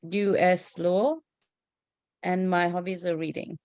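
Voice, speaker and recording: Woman from south africa giving a quick intro on a call, dry sound. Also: on the low side, steady tone, a little mellow, dry recording. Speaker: law student. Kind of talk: self-introduction on a video call.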